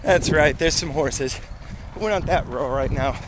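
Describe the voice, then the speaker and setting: Over loud street and open-air noise, a middle-aged American man chats in a slightly high-pitched voice. He rambles conversationally, as in a casual vlog recorded out on a run. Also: normal speed. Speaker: running vlogger. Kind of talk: casual vlog talk while out running. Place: outdoors on town and semi-rural streets. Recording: loud outdoor ambience and traffic noise. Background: loud road and outdoor noise.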